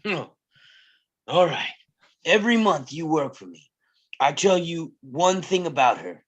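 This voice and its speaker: In a full character voice that's very animated and fairly bright, a man performs at a live table read. His role is a brash, wisecracking, middle-aged circus owner, delivered with blunt jokes and fast-shifting pitch.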